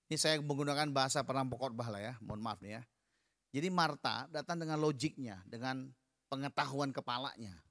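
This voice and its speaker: A man preaches a sermon in a mid-range, slightly bright voice at a fairly quick pace, recorded dry with clean studio sound. He addresses the congregation conversationally and leads them in reading aloud together.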